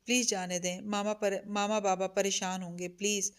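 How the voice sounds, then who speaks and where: A woman's voice: mid-range voice, flat delivery, clean tone, lightly acted. A woman reading the part of a frightened young woman who has been kidnapped, in a tearful, trembling, pleading way. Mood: pleading, scared. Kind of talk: audiobook character reading.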